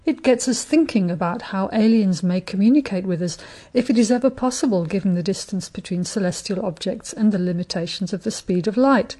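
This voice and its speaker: A woman hosting a short radio segment on astronomy, telling it in a wry, measured way. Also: medium pitch, mellow. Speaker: radio host. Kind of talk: scripted radio talk on astronomy.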